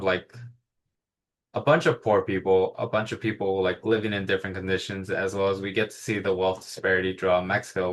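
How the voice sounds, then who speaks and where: A young man presents to his class with a slightly low voice. His delivery is casual and loose, packed with fillers and restarted sentences as he works through his slides. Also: fairly bright tone. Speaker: student presenter.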